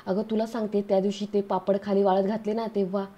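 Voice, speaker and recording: Sly gossipy neighbor lady rambling on, a woman reading, mellow voice. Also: medium pitch, flat delivery, fast, dull audio, natural voice. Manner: chatty, full of excuses.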